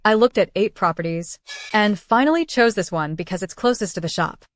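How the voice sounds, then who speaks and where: Period drama dub: actress playing a brisk, fussing young wife who cares and gives orders, very dry recording. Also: female voice, mid-range voice, no echo, natural voice. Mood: matter-of-fact, caring.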